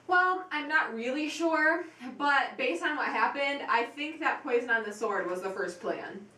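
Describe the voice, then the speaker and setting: A woman's voice: high voice, lively intonation, a little slow, sharp tone, full character voice. A woman playing Horatio, a grieving young man, earnestly recounting events in an amateur interview skit. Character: Horatio, grieving loyal young male friend. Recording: echoey room.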